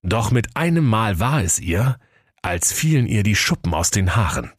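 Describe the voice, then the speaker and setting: Man, low voice, comic fairy-tale narration, playful, dry studio. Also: very animated, moderate pace, slightly rough, dry recording.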